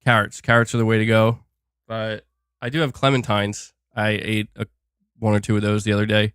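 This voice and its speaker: A man hosts a gaming livestream, chatting casually and rambling with fillers and restarts while sick and a bit nasal. His voice is fairly low, level, brisk, smooth, and fairly bright. The recording is dry and clean, like a studio.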